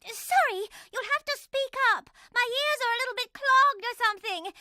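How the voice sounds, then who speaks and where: Posh pony Rarity. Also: female voice, very high-pitched, moderate pace, sharp tone, dry recording, clean studio sound, heavily acted. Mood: charming. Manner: posh, theatrical, elegant diction. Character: refined, dramatic adult unicorn fashion designer. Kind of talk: cartoon voice acting.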